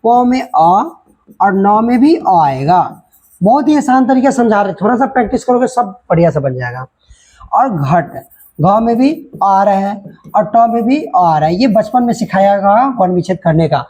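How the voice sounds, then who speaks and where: A man's voice: sits high, lively intonation, moderate pace, a little mellow, a little hiss or hum. A man teaching a lesson, explaining step by step and speaking directly to his students.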